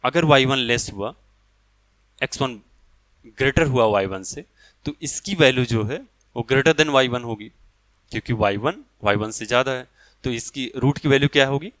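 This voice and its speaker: A man's voice: mid-range voice, normal speed, long pauses, fairly bright tone, dry recording. A man teaches a math lecture, explaining step by step and answering his own questions.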